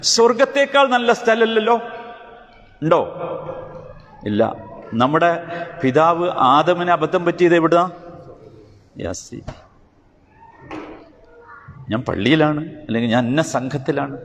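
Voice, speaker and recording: Male preacher in a reverberant hall. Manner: rhetorical questions, rising to emphatic highs and dropping low. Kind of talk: sermon. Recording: hall reverb with faint ambient noise.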